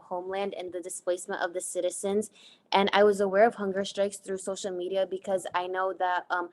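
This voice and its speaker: A young woman from the United States, presenting a class project in an earnest way, reading from her slides with frequent fillers. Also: mid-range voice. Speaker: student presenter.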